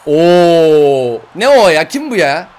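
A man opening card packs in a football game, talking loudly and excitedly, often chanting, complaining and swearing in frustration. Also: fairly high pitch, takes it slowly.

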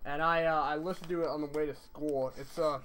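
A man streams a game and chats in a slightly high voice. His talk is scattered and casual, full of swearing and sentences that trail off. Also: steady tone, a little fast, fairly bright tone. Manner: swearing, laughing it off. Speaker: streamer playing a video game. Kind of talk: casual chat while gaming.

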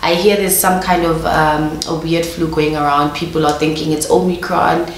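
A young woman vlogger with a South African Sotho accent chats casually to camera, her deep voice nasal from a flu, with a flat delivery at a moderate pace. She mixes English with Sesotho and uses pet names for viewers. She sits on a couch in a small indoor room under pink lighting, and the sound is roomy with faint noise.

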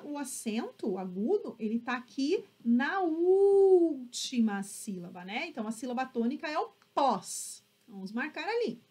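Upbeat Brazilian woman teacher, husky voice, lively melody, online lesson. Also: high-pitched. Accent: Brazilian Portuguese. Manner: upbeat, checks in with students often.

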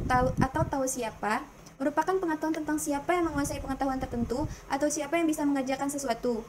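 A young woman, a student, reads her slide presentation aloud at an even, careful pace, working through lists. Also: sits high, background noise. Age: young adult.

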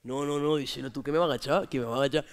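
A woman playing a cocky young Andalusian man from Jaén who heckles loudly from the audience, calling out to the teacher. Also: a bass voice, fairly even intonation, very fast, voice pushed down. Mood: restless. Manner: brash, indignant, keeps calling out "maestra". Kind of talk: stand-up character sketch on stage.

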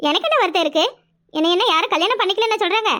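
A woman voicing a stern, dutiful young unmarried village woman in a cartoon, curt and sharp-tongued, with a southern Tamil accent. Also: very high-pitched, rapid-fire. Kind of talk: cartoon voice acting.

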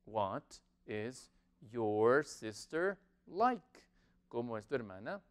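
In an online lesson for Spanish speakers learning English, a man drills vocabulary and model sentences. He says them slowly and repeats them between faster explanations. His medium-pitched voice is very animated and clean.

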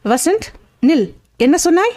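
A woman's voice: very high voice, very animated, measured pace, darkish tone, voice pushed up, heavily acted. Woman voicing an irritable male lawyer boss. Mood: excited. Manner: scolding, impatient. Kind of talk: audiobook character voice.

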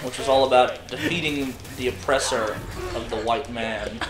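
A man's voice: medium pitch, steady tone, normal speed. A man hosting a let's play, joking and sarcastic in casual gaming commentary. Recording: echoey room with background noise.

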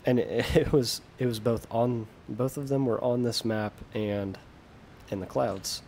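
A man's voice: medium pitch, fairly even intonation, a little slow, darkish tone, a little hiss or hum. A young American man giving casual, self-deprecating commentary over gameplay, often trailing off mid-sentence. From United States. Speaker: gaming video creator.

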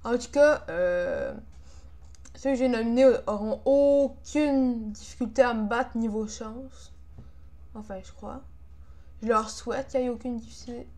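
A young woman with a Quebec French accent comments casually over her own gameplay. Her voice sits a little high. She sounds frustrated, grumbling and swearing about how the game is going. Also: measured pace, dark tone. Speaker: gamer, video creator.

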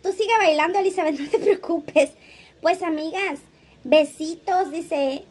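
A woman's voice: extremely high pitch, measured pace, a little mellow. A woman hosting a casual livestream, chatting, laughing often and reading viewers' comments aloud. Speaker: livestream host.

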